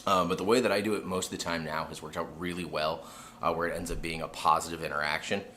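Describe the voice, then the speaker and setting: A man's voice: sits low, steady tone, fast, sharp tone, slight background noise. A man, a musician, talking to camera in a laid-back, straightforward vlog. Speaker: musician vlogger. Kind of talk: casual vlog talk.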